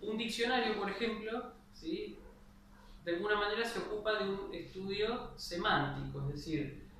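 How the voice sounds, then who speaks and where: A man's voice: sits high, moderate pace, sharp tone. A man giving a spoken grammar lesson, explaining patiently and checking in with his listeners. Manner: explanatory, with frequent "¿sí?" checks and restarts. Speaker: lecturer. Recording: very echoey, distant mic, faint noise.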